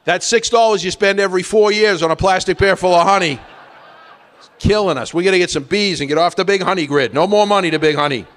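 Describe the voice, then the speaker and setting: A man voicing a loud, smug, middle-aged male neighbor who keeps bees and rants about money, in a stand-up routine. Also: a little high, moderate pace. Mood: ranting. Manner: ranting, excited and indignant. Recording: long reverb of a theater hall.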